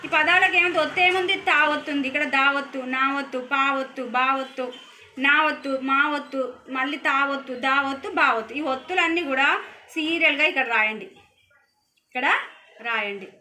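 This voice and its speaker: A woman teacher giving a lesson to young children, reading words out slowly and clearly one by one. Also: sits high, bright, forceful tone, slight background noise. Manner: slow, clear word-by-word reading.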